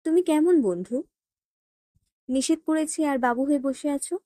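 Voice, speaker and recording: A woman's voice: on the high side, expressive, fairly quick, warm tone, no echo, clean studio sound, close to an everyday voice. A woman reading the lines of a stubborn young woman in an audio story, sniffling and pleading. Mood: annoyed.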